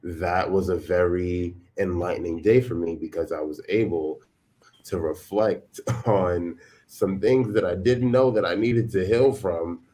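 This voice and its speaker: Deep-voiced man, earnest and reflective. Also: fairly even intonation, a little slow, warm tone. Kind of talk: casual conversation.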